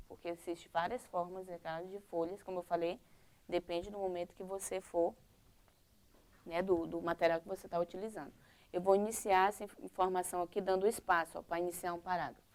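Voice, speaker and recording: A woman with a Brazilian Portuguese accent teaches young pupils in a recorded lesson. Her voice sits a little low, and she explains patiently step by step, checking in with short questions as she goes. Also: a little mellow. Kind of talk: recorded primary-school lesson.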